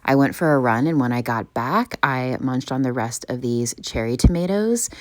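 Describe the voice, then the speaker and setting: Young woman doing a casual vlog voiceover, really low pitched, dry sound. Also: expressive, normal speed, dry recording. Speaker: vlogger. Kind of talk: casual voice-over narration.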